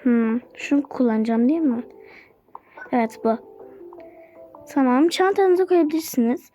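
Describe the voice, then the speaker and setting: A woman's voice: sits high, lively intonation, warm tone, soft background music. Girl voicing a polite game doctor. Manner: slow, formal and courteous. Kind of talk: game role-play.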